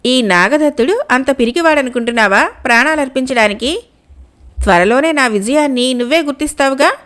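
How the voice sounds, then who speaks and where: A courteous, self-assured young prince from a spoken folk tale, read by a woman narrator. He talks gently and firmly, in a fairly high, light voice that dips only slightly for the role. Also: lively intonation, fairly quick. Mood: resolute. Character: young noble prince, calm and brave.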